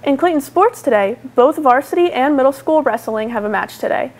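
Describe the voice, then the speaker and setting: A woman's voice: high voice, lively intonation, a little fast, darkish tone. A teenage young woman with an American accent reading scripted school announcements as a student news anchor. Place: indoor school studio before a curtain. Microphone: lapel mic.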